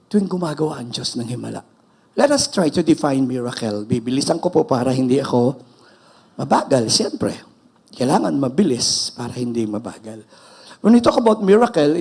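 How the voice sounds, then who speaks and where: A man's voice: a little high, darkish tone, husky. A man with a Filipino accent preaching a sermon as pastor, emphatic and switching between English and Filipino.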